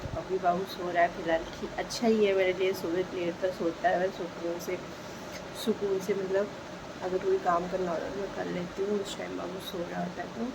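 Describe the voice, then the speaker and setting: A young woman chatting casually at home in a vlog, talking slowly and softly as she wakes up. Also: fairly low pitch, gravelly. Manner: sleepy, slow and soft-spoken. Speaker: vlogger. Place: dim home at morning. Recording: steady background noise. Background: rain.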